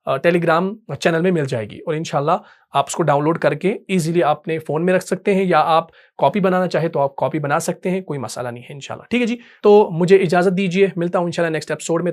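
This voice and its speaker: High-voiced man teaching Quran recitation. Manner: patient explaining, checks understanding often. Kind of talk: online tajweed class.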